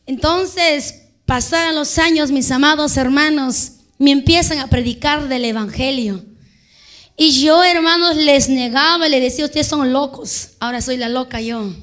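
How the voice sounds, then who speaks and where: A woman preaches her testimony from the pulpit. Her voice sits high and bright, and she speaks with fervor, often turning to address the congregation directly. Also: a little slow. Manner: fervent, addresses listeners as brothers, quotes others in dialogue. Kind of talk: sermon testimony.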